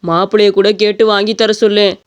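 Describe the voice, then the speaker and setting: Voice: medium pitch, level tone, quick pace, clear, resonant tone, natural voice. An actor playing a worried old Tamil father. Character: worried older father, humble and pleading. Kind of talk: cartoon story voice acting.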